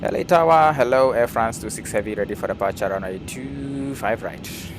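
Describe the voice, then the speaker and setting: A man on a cockpit headset mic reads back radio clearances and calls out a checklist in short, clipped aviation phrases. His voice sits in the middle of the male range. A steady hum of engines and fans fills the background. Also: medium pitch, normal speed. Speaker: flight sim streamer. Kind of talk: pilot radio readbacks and checklist callouts.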